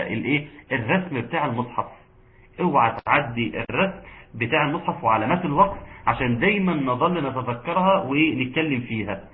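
A man with an Egyptian accent teaching Quran recitation rules, chanting verses slowly and explaining quickly. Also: mid-range voice. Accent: Egyptian Arabic. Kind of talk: online tajweed lesson. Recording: tinny online call audio.

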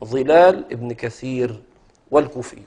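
Male teacher, mid-pitched, explains patiently, chants verse slowly. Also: darkish tone. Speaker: Quran recitation teacher. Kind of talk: lecture explaining a classical poem.

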